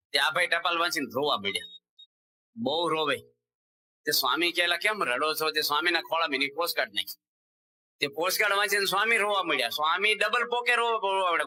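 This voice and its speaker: A man's voice: on the high side, poor audio. A man with a Gujarati accent, a swami giving a religious sermon, telling stories and acting out the quoted dialogue of their characters. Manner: animated storyteller, voicing characters in quoted dialogue. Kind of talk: sermon with storytelling.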